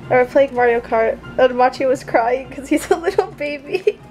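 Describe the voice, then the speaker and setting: High-voiced, excitable young woman vlogging. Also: normal speed, soft background music, poor audio. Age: young adult. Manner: excitable, gushing, informal. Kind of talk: casual chatty vlog. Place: small bedroom indoors. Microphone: handheld camera at arm's length.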